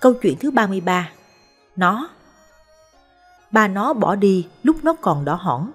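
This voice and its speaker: A woman narrating short life stories in a calm, measured, scripted way. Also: medium pitch, husky. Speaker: storyteller. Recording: soft background music.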